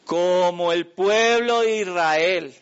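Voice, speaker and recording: A man's voice: high voice, slow, clean tone. A man preaching a fervent sermon as pastor, often asking the congregation questions. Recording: muffled lo-fi recording.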